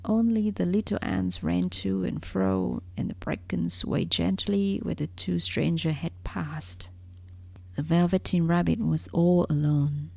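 Soft, hushed woman reading a bedtime story. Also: on the low side, fairly even intonation, unhurried, creaky, dry recording. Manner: soft, hushed, half-whispered narration.

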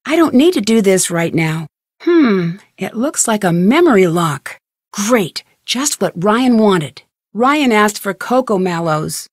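Nancy Drew, curious young detective, close and dry. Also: female voice, mid-range voice, sing-song, slow pace, no room sound. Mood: musing, focused. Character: young female amateur detective, curious, determined, quick-witted. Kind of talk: scripted video game voice lines, thinking aloud.

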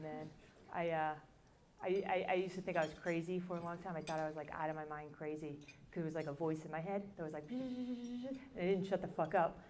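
A woman performing a stand-up comedy set on a club stage into a handheld mic, dry and self-deprecating, casual with lots of fillers. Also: deep voice. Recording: live audience laughter.

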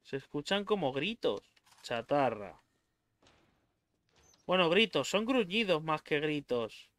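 A young man with a Spain Spanish accent commentates a horror game, swearing often and yelping when startled. His voice sits high and swings widely in pitch. It is bright and crisp, recorded dry and close. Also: sing-song, slow pace, dry recording. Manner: swears freely, yelps in fright. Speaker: gaming YouTuber. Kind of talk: let's play commentary.

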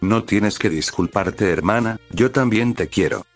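A man's voice: on the low side, a little slow, soft background music. A man voicing a shy, lovesick young woman warrior who pleads and turns tearful with her sister.

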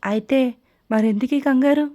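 A woman's voice: high voice, normal speed, mellow, close to an everyday voice. Woman voicing a weary, skeptical elder sister. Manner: tired, sardonic. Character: weak, ailing elder sister, sharp and skeptical.

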